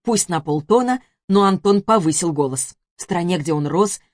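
Женщина-рассказчица, аудиокнига, спокойная выразительная подача, без эха. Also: female voice, on the low side, animated, normal speed, no room sound, clean studio sound. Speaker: audiobook narrator. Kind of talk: scripted narration.

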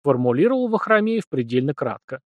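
A man narrating a novel in an even, measured storytelling voice. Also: fairly high pitch, no echo, highs cut off. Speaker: audiobook narrator. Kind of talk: scripted narration.

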